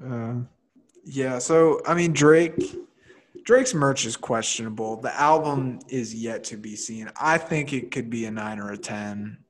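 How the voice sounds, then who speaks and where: A man's voice: medium pitch, a little slow. A young man hosting a podcast, chatting casually and laughing often, with lots of fillers as he trails off. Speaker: podcast host. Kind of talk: casual chat.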